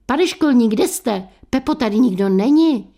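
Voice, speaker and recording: Woman playing a timid schoolboy, high voice, fretful, jumpy, storybook radio tale. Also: lively intonation, dark tone. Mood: scared. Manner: nervous, fretful questions. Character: timid anxious schoolboy easily frightened.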